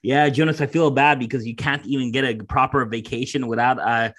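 A man hosting a podcast in casual chat, talking haltingly with many fillers and restarts. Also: mid-range voice, steady tone, a bit bright. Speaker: podcast host.

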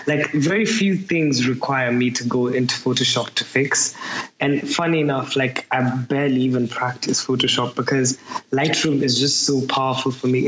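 A man in his twenties from Nairobi with a Kenyan accent, chatting casually as an interview guest, often saying "like". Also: mid-range voice. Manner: chatty, frequent use of "like". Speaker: photographer being interviewed. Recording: roomy, dull, faint background noise.

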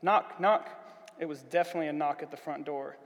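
A man reading a storybook aloud in a church, with a steady, expressive delivery. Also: fairly high pitch, rapid-fire, creaky, long reverb tail, poor audio. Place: church hall.

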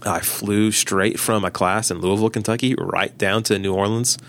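Low-voiced pastor telling stories. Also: male voice, moderate pace, slight background noise. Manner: animated storytelling, acts out quoted dialogue. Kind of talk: casual podcast conversation.

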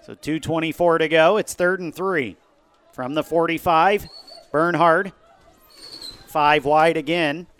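A man calling live football play-by-play, snapping out each snap, pass and gain as it happens. His voice is smooth and resonant and sits a little high. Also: takes it slowly, pauses often, fairly bright tone. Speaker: play-by-play announcer.

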